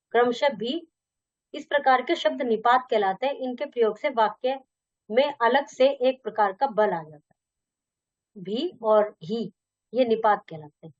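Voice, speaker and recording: A woman's voice: fairly high pitch, no echo. A young woman teaching a Hindi lesson, reading textbook lines and explaining them in casual Hindi with some English. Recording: dull dry lo-fi recording.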